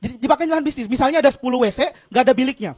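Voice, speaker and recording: Male stand-up comedian, very high voice, Jakarta accent, escalating rant, exclamatory, acts out dialogue. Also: animated, very fast, darkish tone. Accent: Jakarta Indonesian.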